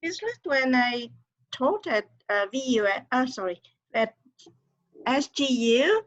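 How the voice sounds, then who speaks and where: A woman teacher on a video call, sharing her classroom experience haltingly, with frequent fillers. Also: high voice, sing-song. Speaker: teacher, webinar participant. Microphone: computer mic on a video call. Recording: dull lo-fi call audio.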